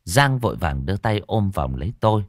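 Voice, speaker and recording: Deep-voiced man telling a horror story. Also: a little fast, no echo, clean studio sound. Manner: dramatic, expressive.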